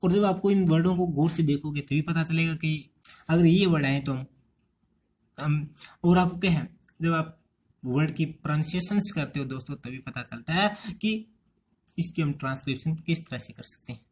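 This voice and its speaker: Mellow-voiced Indian man teaching. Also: a little high, moderate pace. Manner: repetitive, quizzing students rhetorically. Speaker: English teacher. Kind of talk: exam-prep lecture.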